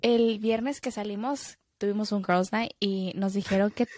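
A woman's voice: mid-range voice, fairly even intonation, a little slow, darkish tone, no room sound, clean studio sound. Chatty young woman co-hosting a podcast. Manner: chatty, mixes in English phrases. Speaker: podcast co-host. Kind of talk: casual chat.

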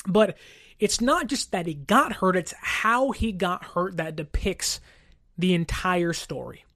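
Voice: medium pitch, takes it slowly, fairly bright tone, no room sound. Conversational football commentator in a dry, close recording. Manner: conversational, rhetorical check-ins, voices imagined fan remarks. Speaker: sports commentator. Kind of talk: casual football commentary monologue.

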